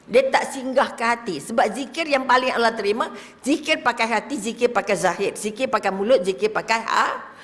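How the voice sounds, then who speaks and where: An older woman with a Malaysian Malay accent giving a religious lecture, lively, posing rhetorical questions and dropping to whispers to demonstrate prayer. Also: fairly high pitch, brisk. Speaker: religious teacher. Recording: reverberant hall.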